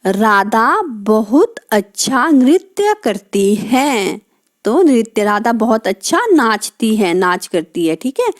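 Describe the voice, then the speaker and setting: Teacher woman, slightly high voice, drawn-out words for kids, slow and patient. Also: sing-song. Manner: asks the children questions and explains each word. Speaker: primary school Hindi teacher. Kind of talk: recorded lesson for young children.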